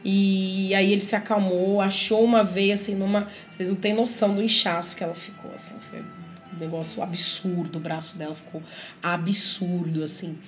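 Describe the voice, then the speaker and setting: A woman's voice: medium pitch, level tone, normal speed, faint music behind. A woman giving an earnest, reflective personal testimony at a group meeting, often checking in with her listeners. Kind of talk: personal life-story testimony.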